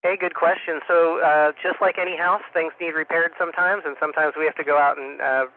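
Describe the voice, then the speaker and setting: A man, an astronaut, answering students over a two-way radio link from space, friendly and unhurried with many filler pauses. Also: fairly high pitch, steady tone, no echo. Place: space station. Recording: tinny radio transmission with faint static.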